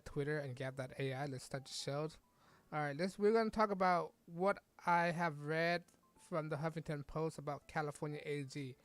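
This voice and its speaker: A woman's voice: low-pitched, dry recording. Heated, stumbling woman podcast host. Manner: stumbling, halting reading with restarts; heated, scornful asides. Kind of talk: political commentary reading an article aloud.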